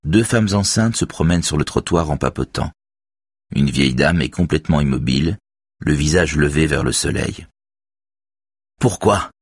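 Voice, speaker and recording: Deep husky male audiobook narrator. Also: normal speed, no room sound, studio quality. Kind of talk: scripted narration.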